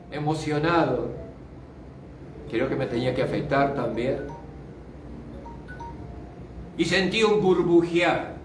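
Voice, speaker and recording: High-voiced older pastor preaching fervently. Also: male voice, a little hiss or hum. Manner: fervent testimony with English asides. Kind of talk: sermon. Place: church. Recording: roomy church sound, distant mic, faint music.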